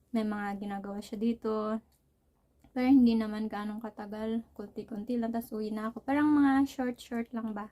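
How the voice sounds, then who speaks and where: Young woman rambling thru a story, slightly high voice, laughs a lot. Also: darkish tone. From Philippines. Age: young adult. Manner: chatty, rambling, laughs often. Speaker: vlogger. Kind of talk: casual storytelling.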